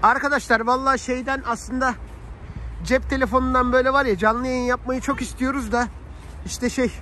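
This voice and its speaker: This family vlogger from Turkey has a very high, bright, forceful voice with a steady tone, talking a little fast. He chats colloquially with viewers like friends on a snowy city street. The audio comes from the handheld phone he's filming with, picking up faint street noise outside.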